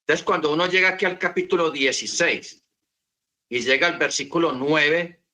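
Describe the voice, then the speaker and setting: A man's voice: a little high, normal speed, sharp tone. A man teaching about the Bible in an unscripted talk, repeating his points and asking rhetorical questions.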